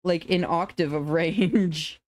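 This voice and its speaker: Relaxed, rambling androgynous streamer voice. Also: medium pitch, slow, no room sound. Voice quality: androgynous to femme-sounding voice. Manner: relaxed, rambling, laughs often, restarts sentences. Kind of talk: casual chat with viewers.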